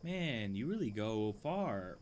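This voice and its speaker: A man with a lowish voice chats through a game session, musing and dryly amused as he talks to himself. He sits at a home desk microphone and sometimes drifts back from it. A faint hiss of background noise sits under his voice. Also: very animated, takes it slowly, darkish tone. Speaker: streamer playing a game. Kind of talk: casual gameplay commentary. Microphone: desk microphone, leans away at times.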